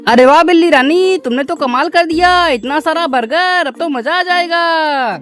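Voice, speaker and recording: A woman voicing an eager, excitable young boy in a cartoon, full of exclamations. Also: high voice, moderate pace, soft background music. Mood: excited.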